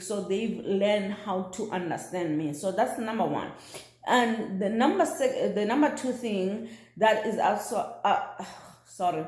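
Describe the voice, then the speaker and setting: A South African woman whose first language is Xhosa vlogs casually to camera, with lots of fillers and restarts. Her voice is medium-pitched with a darkish tone, and the recording has a roomy echo.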